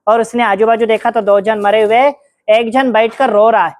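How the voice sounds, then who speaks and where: A woman's voice: fairly high pitch, fairly even intonation, moderate pace, darkish tone. A woman narrating a devotional story, vividly telling it and asking her listeners questions as she goes.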